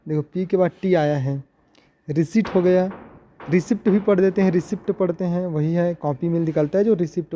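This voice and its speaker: A man with a fairly high voice teaches pronunciation in a video lesson. His tone is very dark and mellow. He works through words one by one, giving each meaning and often repeating himself.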